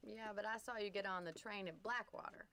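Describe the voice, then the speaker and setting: A woman voicing a spirited young ranch woman in a video game, talking in a brisk, friendly, teasing way. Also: mid-range voice, sharp tone.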